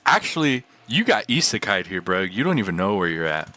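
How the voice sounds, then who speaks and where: Man, podcast co-host, casual banter, laughs a lot, quips in mock quotes, bright tone. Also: on the low side, very animated, fairly quick. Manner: joking, laughs often, does mock quotes. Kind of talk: casual comedic chat.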